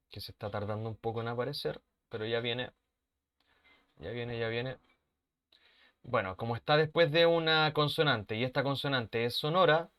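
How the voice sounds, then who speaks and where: A man's voice: medium pitch, fairly bright tone, smooth. A man teaching an online English class, patiently repeating words for pronunciation drills and laughing at his own mistakes.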